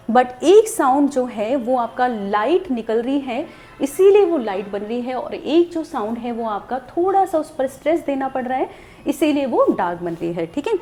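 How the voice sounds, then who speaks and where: Young woman explaining a lesson, high voice that jumps around a lot, patient. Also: lively intonation, moderate pace, warm tone. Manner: patient, explanatory, repeats "theek hai". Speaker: shorthand teacher. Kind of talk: recorded lesson.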